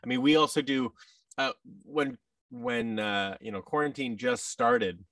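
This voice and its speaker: An American man in his thirties, a voice actor and audio drama producer, chats casually as an interview guest with a wry, self-deprecating manner. His medium-pitched voice is fairly bright and a little slow. He is on a video call using a headset boom-arm mic that sounds distant, yet the large indoor studio room adds no room sound.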